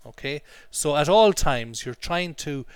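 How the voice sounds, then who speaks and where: A man's voice: on the high side, animated, unhurried, clean tone, no echo. Man teaching English, dry sound. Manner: drills pronunciation, repeating phrases for students. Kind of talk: classroom language lesson.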